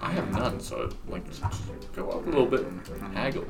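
Tabletop player, female: very deep voice, lively intonation, casual chat. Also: moderate pace, vocal fry, music in the background.

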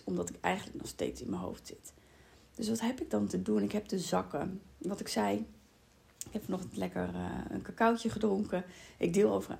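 A woman hosting a reflective spiritual podcast, calm and soft-spoken, often quoting her own inner voice and pausing on fillers. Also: medium pitch, gravelly. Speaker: podcast host and women's circle coach.

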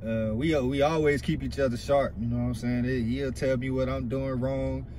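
A man's voice: medium pitch, level tone, normal speed, a little mellow. A man co-hosting a podcast in a car, chatting casually and earnestly in slangy, repetitive phrases. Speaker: podcast co-host. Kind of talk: casual chat. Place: inside a car. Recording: clear vehicle and road noise.

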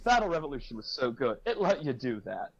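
A man's voice: medium pitch, very animated, brisk, dull audio, crowd noise. A man running a tabletop game as game master, chatty and giggly, with lots of fillers.

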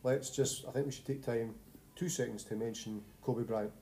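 A man's voice: mid-range voice, steady tone, moderate pace, warm tone. A man with a Scottish accent co-hosting a podcast in a casual, bantering chat about sport. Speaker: podcast co-host.

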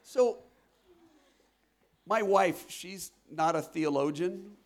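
Storytelling male preacher, high voice. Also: very slow. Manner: storytelling, acts out his wife's lines. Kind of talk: sermon testimony.

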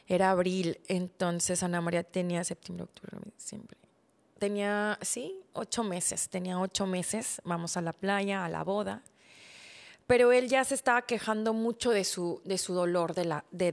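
A woman in her thirties tells her own story on a podcast. She acts out conversations with lively energy, then drops to a hushed, soft voice for the hard parts. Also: on the low side, creaky. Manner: animated, acts out dialogue, trails off softly when recalling illness. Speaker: podcast host. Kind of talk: personal storytelling.

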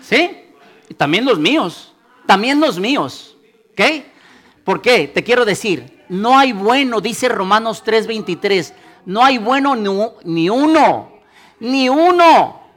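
Lively high-voiced male pastor preaching. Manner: lively preaching, acts out listeners' doubts in quick asides. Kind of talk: sermon.

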